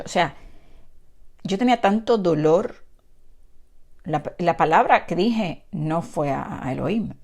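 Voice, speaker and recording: A woman's voice: lowish voice, vocal fry, darkish tone. A woman preacher teaching from the Psalms and sharing a personal testimony, speaking earnestly and emotionally straight to her listeners.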